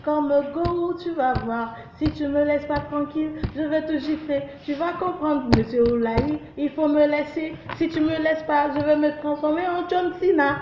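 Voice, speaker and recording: Woman voicing an angry talking frog, high and threatening. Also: normal speed, few pauses, background noise, close to an everyday voice. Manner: threatening, taunting. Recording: roomy, dull lo-fi.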